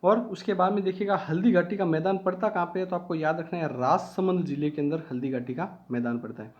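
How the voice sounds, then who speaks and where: A man's voice: high-pitched, a little fast, highs cut off. A man teaching an online exam-prep lesson who repeats key facts and asks and answers his own questions.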